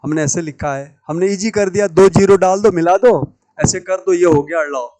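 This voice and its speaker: A man teaching Hindi grammar in a lecture, slowly repeating key words to stress how they are pronounced. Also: sits high, dark tone, slight background noise, low-quality recording. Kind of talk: classroom lecture at a whiteboard.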